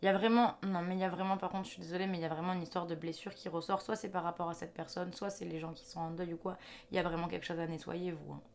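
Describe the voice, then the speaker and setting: A young woman with a lowish, creaky voice speaks rapid-fire in a steady tone, giving viewers a chatty, reassuring intuitive card reading. Faint music plays behind her, and she restarts sentences and uses fillers as she goes.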